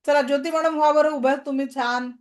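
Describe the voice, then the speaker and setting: A woman teaching an online reiki class, giving calm, repetitive guided-healing commands over a video call. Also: high voice, fast talker.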